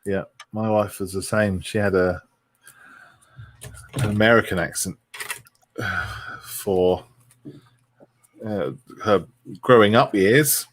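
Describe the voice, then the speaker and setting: A man hosting a casual chat on a video call, relaxed and joking, often laughing. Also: lowish voice, takes it slowly, long pauses, a little hiss or hum.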